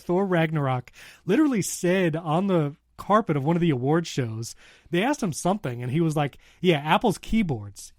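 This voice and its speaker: A man's voice: high-pitched, no echo, clean studio sound. A man co-hosting a casual tech talk show, chatting and laughing often as he reads out the news. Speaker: podcast co-host.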